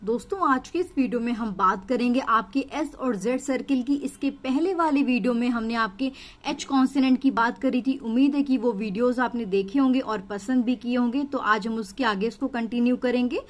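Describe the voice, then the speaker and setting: A woman's voice: fairly high pitch, moderate pace. A woman shorthand teacher, explaining each step patiently and repeating it with questions. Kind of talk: explanatory lesson.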